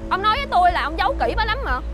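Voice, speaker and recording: Woman acting brazen young mistress, taunting, fast talker. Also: very high voice, big pitch swings. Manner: taunting, smug, drawn-out sentence tags. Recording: music bed behind.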